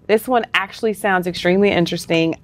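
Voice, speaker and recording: A woman's voice: on the low side, quick pace. Playful woman podcast co-host. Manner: playful, laughs often, drawls "honey". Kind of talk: casual podcast chat.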